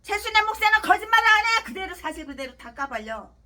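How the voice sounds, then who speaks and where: Fiery woman pastor with a high, swooping voice. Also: sing-song, fairly quick. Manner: angry, crude insults, swings between shouting and muttering. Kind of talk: heated preaching rant.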